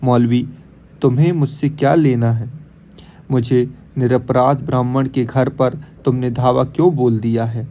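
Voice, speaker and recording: A man's voice: medium pitch, fairly even intonation, measured pace, mellow, lightly acted. A man voicing an older Brahmin father who urges and scolds, in an audiobook read-aloud, with faint noise behind. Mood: pleading.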